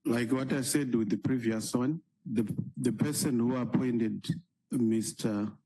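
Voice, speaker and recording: A man from Zimbabwe, a college principal answering questions at a hearing, halting and hesitant. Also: mid-range voice, warm tone, husky. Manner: hesitant, halting, many fillers.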